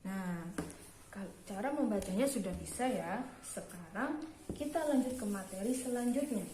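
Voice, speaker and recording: A woman's voice: medium pitch, expressive, warm tone. A young woman teacher patiently explaining a primary school math lesson step by step. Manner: slow, patient explaining with frequent "nah". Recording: echoey room with background noise.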